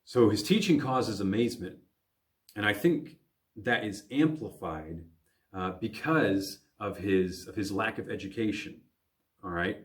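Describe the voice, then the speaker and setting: Man, pastor, Midwestern accent, low voice, video Bible lesson, halting with fillers. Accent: Midwestern American. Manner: thinking aloud with many fillers and restarts. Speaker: pastor teaching a youth Bible study.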